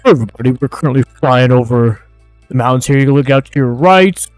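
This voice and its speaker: A man imitating an airline pilot making a cabin announcement, his headset mic pressed to his mouth so it sounds like a loud, distorted intercom. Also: medium pitch, dry recording, faint music behind, voice pushed down. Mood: calm announcing. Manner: steady, routine announcer delivery with drawn-out fillers. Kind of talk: live-stream chat. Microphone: gaming headset.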